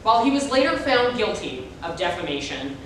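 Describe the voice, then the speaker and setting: With big pitch swings and a fairly quick, fairly bright voice, a woman gives rehearsed dramatic narration as a reader's theater performer. The large room is very echoey, and she's recorded from a distant mic, with a faint rumble in the background.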